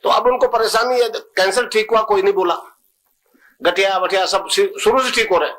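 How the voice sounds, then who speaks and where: Man, spiritual guru, discourse to followers, high voice, plain-spoken, repetitive, leads chanting. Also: normal speed, fairly bright tone, rough recording.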